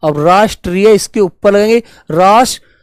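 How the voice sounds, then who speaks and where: During a live online class on Hindi spelling, a man repeats each word slowly and patiently, affectionately calling his students children. His high voice sounds clean, recorded dry with clean studio quality.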